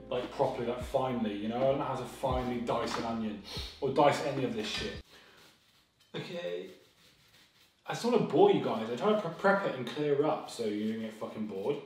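This cooking vlog features a young man making a dinner-party meal in his kitchen while he swears, jokes at his own expense and rambles chaotically to the camera. His voice is medium in pitch and well away from the mic. The room echoes, and faint music plays underneath.

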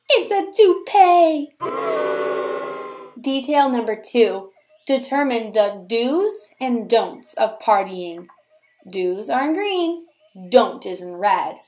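Reading a picture book to young children, this high-pitched woman speaks as a teacher would. Her narration is animated in expression yet deliberate in pace.

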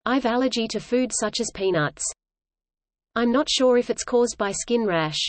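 A woman with a fairly high voice reads a scripted English-lesson dialogue in a steady, measured way, repeating each line so listeners can follow. The recording is dry and close, with no room sound or echo.

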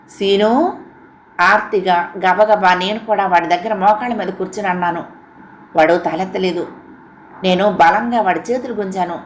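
A woman narrating a first-person audiobook story with an expressive, emotional reading. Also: mid-range voice, slight background noise.

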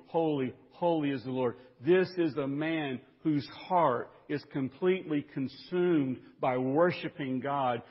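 A man preaching a sermon as pastor, reading scripture in a measured way and building to raised, emphatic passages. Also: mid-range voice, breathy edge. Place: church sanctuary. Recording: dull lo-fi recording in a reverberant church.

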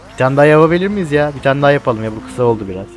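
A young man giving casual, joking let's-play commentary with loud exclamations. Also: mid-range voice, animated, very fast, soft background music. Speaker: gameplay YouTuber.

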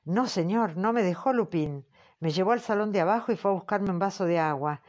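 Timid young female witness, soft and hesitant; voiced by a woman audiobook reader. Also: mid-range voice, a little fast, lightly acted. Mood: fearful. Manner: hesitant, soft, answers briefly. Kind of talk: audiobook character reading.

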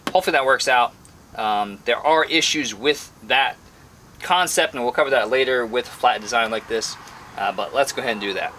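A man's voice: mid-range voice, fairly quick, bright, forceful tone. A man talking casually through a bone carving project in his workshop, thinking aloud with frequent fillers. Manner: thinking aloud with many "um"s, upbeat when things work.

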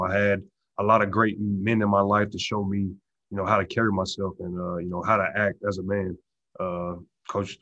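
A young man answering press questions in a relaxed way, full of "you know" fillers. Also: fairly low pitch, dry recording. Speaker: football player answering press. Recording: dull lo-fi video call audio.

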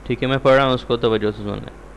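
A man from Pakistan teaching Quran recitation, his voice at a middle pitch. He explains the rules in quick bursts and stretches the recited words out slowly. A faint hiss sits under the recording. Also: steady tone, vocal fry, lo-fi sound. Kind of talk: Quran recitation lesson with slow drawn-out recitation.

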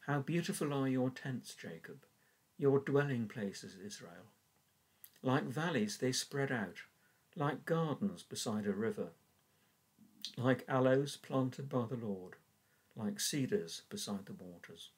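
Older man reading prayers, husky voice. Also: mid-range voice, animated, poor audio. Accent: English. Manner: measured, earnest reading voice. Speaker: church warden leading prayers. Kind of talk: reading and devotional reflection. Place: small room indoors. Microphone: webcam at desk.

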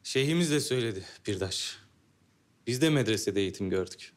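Low-voiced courteous young dervish played by a man. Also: lively intonation, a little fast, lightly acted. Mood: courteous, instructive. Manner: formal, old-fashioned phrasing. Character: courteous, talkative young male dervish in old Anatolia. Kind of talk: historical drama acting.

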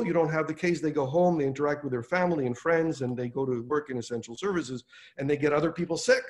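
Older man hosting a video-call town hall. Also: a little high. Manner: animated, gestures with his hands, fast bursts. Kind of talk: explanatory advocacy talk. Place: home room by a window. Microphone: video call webcam.

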